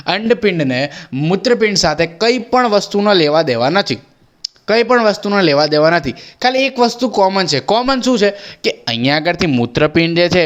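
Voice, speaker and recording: A young man with a Gujarati accent teaching an exam-prep biology lesson, asking questions and answering them himself, repeating each key term. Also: high voice. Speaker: biology tutor.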